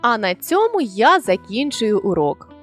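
A woman's voice: a little high, sing-song, a bit bright, soft background music. A woman teacher giving a children's language lesson, sounding out words syllable by syllable. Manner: slow, syllable-by-syllable dictation.

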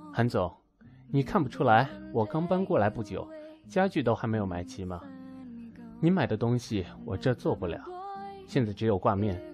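An actor in an amateur audio drama voices a guarded, coolly polite young man who shows reluctant concern. His voice is lowish and close to everyday speech, with lively intonation at a moderate pace over background music.

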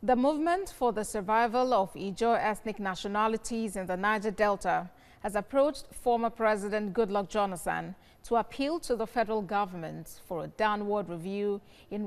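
A young woman reads the news in a crisp, formal anchor style. Her voice carries a long reverb tail. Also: mid-range voice, moderate pace. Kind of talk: news presenting. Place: TV studio.

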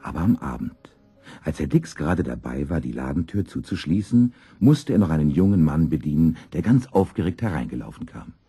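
Tiefer, heiserer Vorleser. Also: male voice, extremely low pitch, a little fast, creaky, husky, dry recording, soft background music. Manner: expressive, animated storytelling. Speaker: storyteller. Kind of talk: reading a children's story aloud.

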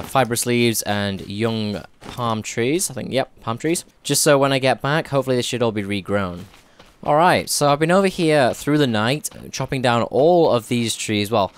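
A man's voice: mid-range voice, slight background noise. A man giving casual, chatty commentary over his own gameplay, thinking aloud and correcting himself as he goes. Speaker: gaming YouTuber. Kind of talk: casual let's-play commentary.

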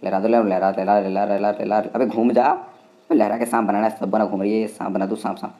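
A man with an Indian accent giving excitable, chatty commentary while playing a driving game, talking to the game and to viewers. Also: lowish voice, fairly quick. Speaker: gaming channel host.

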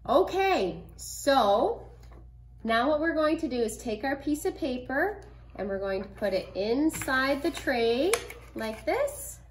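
A woman speaks slowly in a higher-pitched voice, like a kids show host walking small children through a craft. She asks simple, encouraging questions as she demonstrates. The room adds echo to her words. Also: very animated. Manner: simple, encouraging questions to young viewers, counting aloud. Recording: roomy echo, faint noise.

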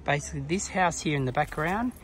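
A travel vlogger in his thirties with an Australian accent walks through a country town, filming on a phone held at arm's length. His voice is fairly high and fairly bright, expressive and fast, and he chats in an easygoing way, explaining as he films. Street noise from outdoors sits behind him.

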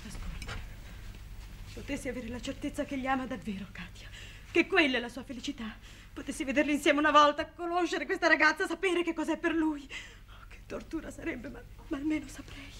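A woman's voice: high voice, a little fast, sharp tone. An actress playing a desperate, lovesick young woman in a 1950s television drama, emotional and pleading. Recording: hissy old 1950s TV recording.

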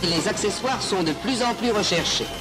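High-voiced man announcing an old newsreel. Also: expressive, a little fast. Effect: old newsreel recording. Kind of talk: 1940s newsreel commentary. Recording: distant old newsreel sound over music.

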